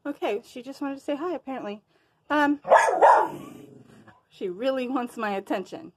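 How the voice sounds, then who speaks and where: The recording is very noisy as a crafting vlogger, high-pitched and moderately paced, shows and tells for her viewers. She speaks casually, slightly breathless, rambling and occasionally losing track of her thoughts.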